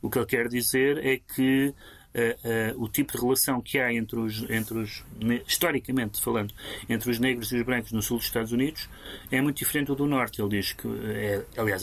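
A man's voice: medium pitch, flat delivery, a little fast. A man with a European Portuguese accent discussing a book as a critic on radio, full of fillers and restarts. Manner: hesitant, many fillers and restarts.

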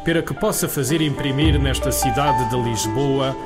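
A man's voice: mid-range voice, normal speed, lightly acted. A man voicing a king who proclaims a royal decree in a formal, declamatory manner. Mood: solemn. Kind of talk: dramatized radio reading. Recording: loud music under the voice.

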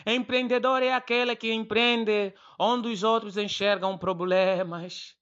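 A man doing a calm wise grandpa. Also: high voice, highs cut off, pitched above the performer's own voice. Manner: slow, unhurried, gently teasing.

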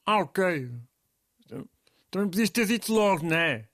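A man's voice: high-pitched, animated, moderate pace, a bit bright, no room sound, clean studio sound. A man with a European Portuguese accent in comic scripted banter, asking puzzled questions and giving in easily.

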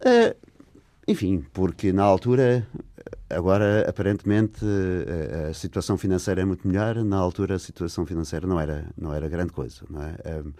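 Brisk and expressive, with a low, mellow voice, an older English-born guest answers interview questions in Portuguese he acquired later in life. English is his native tongue, and he hesitates often, filling gaps with fillers. No room sound is audible.

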